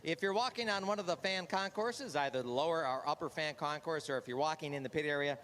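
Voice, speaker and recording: Male racetrack PA announcer, formal and ceremonial, higher-set voice, heavy reverb. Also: fast talker, fairly bright tone. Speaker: track announcer. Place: outdoor racetrack over loudspeakers. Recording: echoey racetrack PA with long reverb, noisy.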